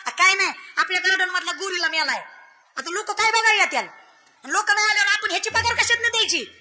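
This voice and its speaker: A woman voicing a fussy, hurried male garden manager who urgently repeats himself. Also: very high-pitched, lively intonation, pushed and bright, exaggerated voice.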